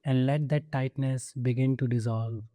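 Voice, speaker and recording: This is a guided body scan meditation led by a man whose very warm, dark voice sits at medium pitch and stays relaxed at normal speed. Short, gentle instructions come with space around them. The sound is intimate and dry, without room sound.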